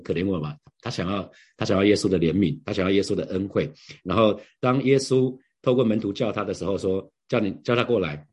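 Male pastor, middle-aged; low husky voice, earnest and conversational devotional talk. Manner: earnest, conversational, with rhetorical questions to the listeners. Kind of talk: devotional Bible sharing.

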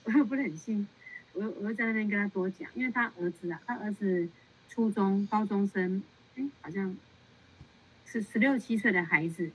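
A woman nun counseling a follower in a casual, animated way, laughing often and repeating words for emphasis. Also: mid-range voice, normal speed, breathy edge. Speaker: Buddhist nun giving counsel. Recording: muffled lo-fi sound.

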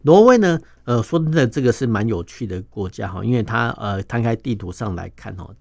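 A man's voice: fairly low pitch, fairly quick, gravelly, no echo. A male defense journalist with a Taiwanese Mandarin accent, explaining patiently as an interview guest and peppering his sentences with little filler particles. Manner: steady, explaining step by step.

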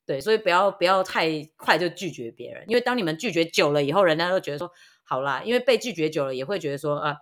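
Fast-talking bright woman co-host. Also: sits low, lively intonation. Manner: quick, teasing, gives advice. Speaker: podcast co-host. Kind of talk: casual chat.

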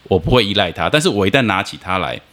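A man's voice: sits low, animated, quick pace, a bit bright. A man with a Taiwanese Mandarin accent in casual conversation, explaining himself with careful qualifications.

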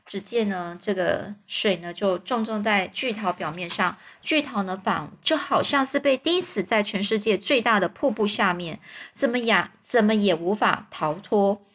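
A woman reads a children's storybook aloud in a gentle, plain voice. She often stops to explain words in simple terms for young listeners. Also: medium pitch, normal speed. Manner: gentle, with fillers and restarts. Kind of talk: reading a children's book aloud.

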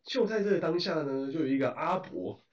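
Animated Taiwanese man telling a story. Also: on the high side, brisk. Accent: Taiwanese Mandarin. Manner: animated, swearing, mixing in English, laughing. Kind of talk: casual storytelling chat. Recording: roomy, distant, dull lo-fi.

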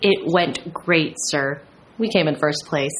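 A woman's voice: deep voice, slow pace. A woman playing a friendly, polite young student in an acted language-lesson dialogue. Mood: polite, proud. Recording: roomy echo.

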